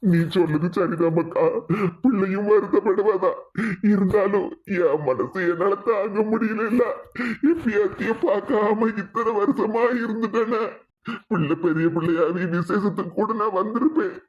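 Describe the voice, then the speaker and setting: A man's voice: high-pitched, moderate pace, muffled recording, lightly acted. A man voicing a weepy, affectionate old village grandfather with a Kanyakumari Tamil accent in a cartoon.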